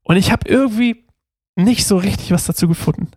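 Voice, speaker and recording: A young man with a somewhat high, gravelly voice hosts a laid-back Bible study podcast. He talks in a chatty, self-mocking way, rambling through fillers and asides. The sound is dry and close, as if recorded in a small room. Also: brisk, a little mellow, no echo. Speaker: podcast host reading and explaining the Bible.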